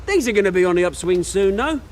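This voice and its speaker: An actor playing a cocky, volatile British rogue, a fallen heir turned revolutionary, taunting and theatrical in a video game. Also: male voice, high-pitched, expressive, fast, slight background noise. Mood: sly, threatening.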